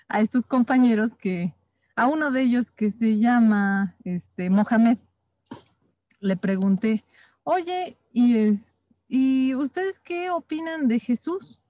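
A woman leads a study group in a mellow, fairly high voice. She speaks calmly and thoughtfully, with small pauses and fillers. The recording is dry and close. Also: dry recording. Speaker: Bible study leader. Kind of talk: reflective anecdote in group discussion.

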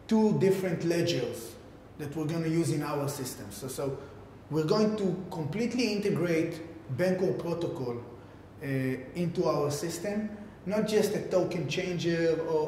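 A tech company founder in his 30s explains his product to camera in an informal keynote, his tone warm. His delivery is halting and full of fillers and repeated words, and the room is super echoey and reverby with a faint rumble.

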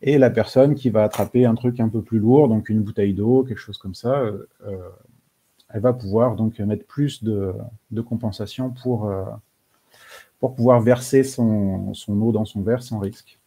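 A man with a low, very dark voice presents in a webinar. He hesitates often, filling gaps and restarting phrases while explaining, with a mellow, unhurried tone. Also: fairly even intonation, husky. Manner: halting, many fillers and restarts. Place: webinar call.

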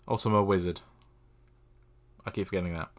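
A young man casually playing a text adventure, reading the game's text aloud and adding deadpan, self-mocking asides at a desk mic. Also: deep voice, brisk. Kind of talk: casual let's-play commentary.

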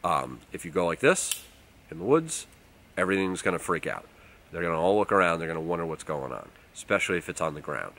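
A man, casually explaining outdoor tips to the camera in a relaxed way, recorded outdoors in a forest. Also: sits low, quick pace, a little hiss or hum. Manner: relaxed, explanatory, uses fillers like um and like. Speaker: outdoors channel host. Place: outdoors in a leafy winter forest.

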